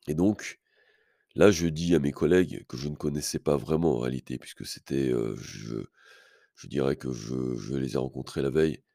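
A man with an extremely low, gravelly voice tells a story on his podcast, stopping often for fillers and restarts. He sounds blunt and sure of himself, and his dark, mellow tone is recorded dry and close to the mic. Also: no echo. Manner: hesitant, many fillers and restarts; blunt, self-assured. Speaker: podcast host. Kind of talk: casual storytelling monologue.

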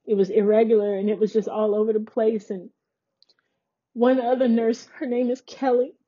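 A woman with a slightly high, husky voice tells her own story to podcast listeners. She recounts it earnestly and emphatically, her tone mellow and soft-edged. The recording sounds dull and lo-fi. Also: little pitch movement, moderate pace. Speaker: podcast host. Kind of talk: personal storytelling.

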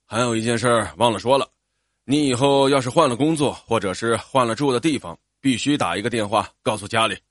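Guy reading as a stubborn old dad, lower gruff voice, short insistent lines, dry sound. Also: lively intonation, a little fast, a bit bright, no echo. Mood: commanding. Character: elderly rural father, stubborn and caring.

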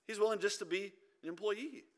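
Male pastor, sermon in church, high pitch, bright voice, emphatic and urgent. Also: fairly quick. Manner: emphatic, swings between loud exhortation and quiet intensity.

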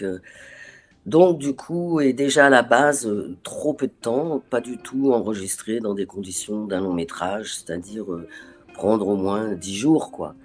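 Animated, hesitant French voice actress. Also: female voice, very deep voice. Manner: animated, acts out remembered dialogue; hesitant, with frequent restarts. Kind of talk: interview conversation.

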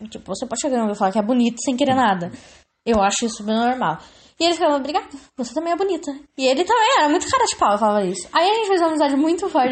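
This young Brazilian woman talks with a high voice that swoops up and down with energy. She chats casually, laughs often and drops casual swears into her stories. Her Brazilian Portuguese accent is easy to hear. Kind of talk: casual chat.

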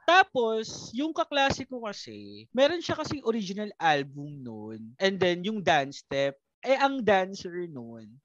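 A man's voice: sits high, takes it slowly, no echo, dull audio. A Filipino man hosting a podcast, telling stories in casual chat and laughing often. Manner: animated, laughing often, code-switching. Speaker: podcast host.

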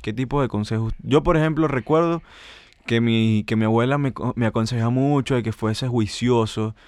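A man's voice: mid-range voice, normal speed, darkish tone, no room sound. Male co-host, sincere, dead dry recording. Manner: earnest, reflective, steering the topic. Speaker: podcast co-host. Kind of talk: casual chat.

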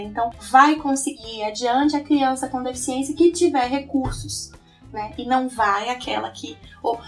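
Earnest Brazilian woman educator, slightly distant. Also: high-pitched. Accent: Brazilian Portuguese. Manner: earnest, often tags "né". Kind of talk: explanatory presentation.

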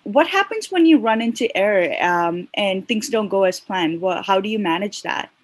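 A woman hosting a podcast, reading a scripted intro and asking interview questions in a friendly, measured way. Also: mid-range voice, lively intonation, slight background noise.

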